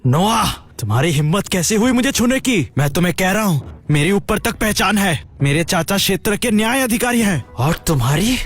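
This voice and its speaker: An arrogant young bully. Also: male voice, sits high, big pitch swings, normal speed, faint music behind. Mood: menacing. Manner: boastful, threatening, whines when hit. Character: arrogant young male bully, cowardly when beaten. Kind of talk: Hindi dub of a drama.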